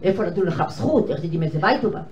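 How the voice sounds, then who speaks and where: An older woman giving a lively storytelling lecture to a room of women, acting out conversations with big swings in pitch and volume. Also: highs cut off. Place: lecture hall with an audience of women. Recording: echoey hall from far off, faint noise.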